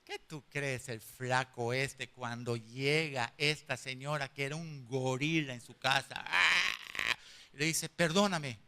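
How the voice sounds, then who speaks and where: A man with a Mexican accent, a pastor giving a sermon, telling lively, humorous stories and acting out the dialogue of the people in them. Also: mid-range voice, slow, gravelly, clear, resonant tone. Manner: animated, acts out dialogue of the people in his stories.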